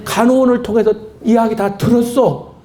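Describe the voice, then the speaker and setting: A man preaching a sermon as a pastor, telling a story dramatically, acting out the voices and breaking into shouted praise. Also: very high-pitched, steady tone, moderate pace. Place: church hall at a retreat.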